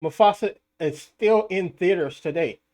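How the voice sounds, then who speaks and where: This is a live streamer talking through box office figures in an argumentative, insistent way. They keep repeating their points and throw rhetorical questions at doubters, and they sometimes laugh at the doubters while they do it. The voice sits at an ordinary middle pitch. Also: a little slow, darkish tone. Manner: mocking, laughs at critics.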